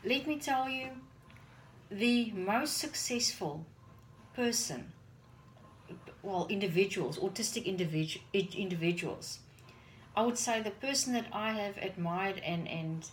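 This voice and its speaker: In a mid-range voice she speaks unhurriedly and pauses often, repeating words as she searches for them. She's an earnest Afrikaans-speaking parent vlogger in her forties, chatting casually to a phone camera on the counter while doing kitchen chores. Audio is poor, with slight background noise.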